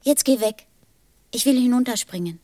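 The gentle little prince, played by a woman, closely recorded. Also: on the high side, moderate pace, no echo, clean studio sound, lightly acted. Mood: anxious, resolute. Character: gentle, serious little boy prince from another planet. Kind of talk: audio drama acting.

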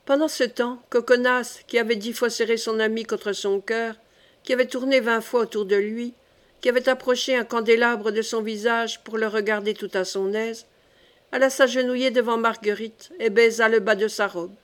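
Audiobook narrator, female, fairly high voice, steady expressive reading. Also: normal speed. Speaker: audiobook reader. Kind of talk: audiobook narration of a classic novel.

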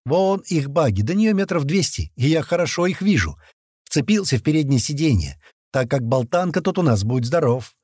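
A man narrating a first-person action audiobook, acting out the crew's shouted lines as he reads. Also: a little high, dry recording, studio quality. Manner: lively, voices the gang's shouts in character.

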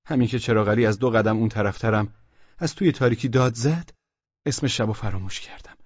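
A man's voice: on the low side, no echo. A man narrating a first-person audiobook in a colloquial, conversational storytelling manner, recorded close in a studio. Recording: dull lo-fi dry audiobook recording.

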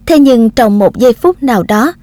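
Gentle woman narrating an audiobook. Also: fairly high pitch, moderate pace, no echo. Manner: calm, gentle storytelling.

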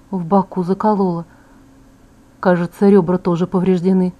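A woman narrates a first-person audiobook with dramatic, expressive reading. Her voice is mellow and warm, with a middling pitch for a woman. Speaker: audiobook reader.

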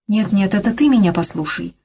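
A woman's voice: medium pitch, a little fast, mellow, husky. A woman reading a desperate pleading heroine. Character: frightened young woman pleading with her lover.

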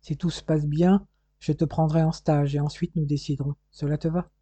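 A man's voice: fairly high pitch, little pitch movement, normal speed, warm tone, husky, dry recording. A man voicing an eminent researcher and loving husband in an audiobook, read in an assured tone. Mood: fatherly.

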